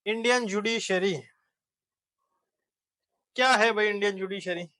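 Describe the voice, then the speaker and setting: A young male teacher gives a relaxed, joking exam-prep lesson and drops English terms into his sentences. His voice sits high. It has a bright, forward edge. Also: unhurried. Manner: chatty, jokey, mixes Hindi with English terms. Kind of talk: casual classroom lecture.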